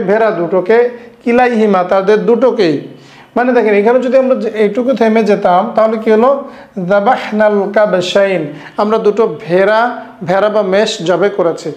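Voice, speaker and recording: Give me a high-pitched male teacher giving a grammar lesson in an echoey room, checking understanding as he goes. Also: a little mellow. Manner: explains step by step, checks understanding with tag questions; reads example sentences slowly. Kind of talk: recorded class lecture.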